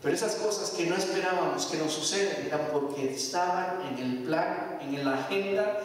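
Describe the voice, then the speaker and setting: A man's voice: a little high, normal speed. A man in his thirties, born in Mexico to Salvadoran parents, preaching a sermon and getting the congregation to repeat after him. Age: 30s. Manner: testimony with call-and-response to the congregation. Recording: echoey hall, picked up from far off.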